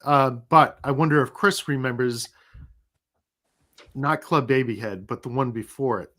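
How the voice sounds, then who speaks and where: Reading viewer comments aloud as he goes, a chatty middle-aged livestream host from New England keeps his live chat casual. He has a Rhode Island accent and a mid-range, fairly bright voice, and speaks a little slowly.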